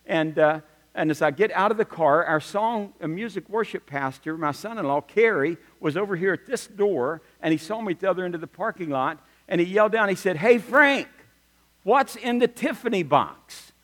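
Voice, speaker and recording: A middle-aged man preaching a sermon as pastor, telling stories with humorous asides and lively emphasis. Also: high-pitched, fairly quick. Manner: animated storytelling with humorous asides. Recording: long reverb of a large hall.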